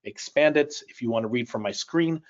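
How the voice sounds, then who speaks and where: Over a personal mic on a webcam live stream, a middle-aged Polish-native man from Chicago, United States, runs a live online reading class. His mid-range voice is a little fast and the recording muffled; he chats with the audience, asks them questions, and jokes lightly.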